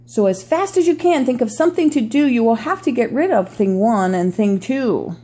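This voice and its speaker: A woman's voice: fairly high pitch, animated, moderate pace, warm tone, natural voice. A woman voicing an anxious little pet fish from a storybook, scolding and insistent. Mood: frightened, urgent. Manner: urgent, insistent, alarmed. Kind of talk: storybook read aloud.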